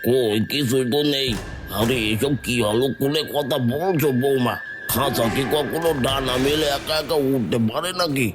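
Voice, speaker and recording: Casting: actor as exasperated cartoon villager, mid-pitched male, scolding, music behind. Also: normal speed, close to an everyday voice. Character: gruff, exasperated village men, scolding and questioning. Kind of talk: Bengali animated story dialogue. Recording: music under the voice.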